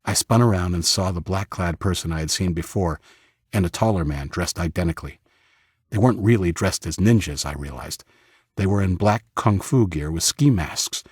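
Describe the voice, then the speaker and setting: A man with a very low, husky voice reads an audiobook in first person. His delivery is steady and measured, close to the mic in a dry space. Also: no room sound. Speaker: audiobook narrator.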